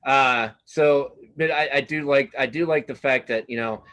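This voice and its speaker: With a fairly bright, mid-range voice, a male cartoonist talks in a relaxed interview. He's modest and hesitant, frequently repeating words as he gathers his thoughts.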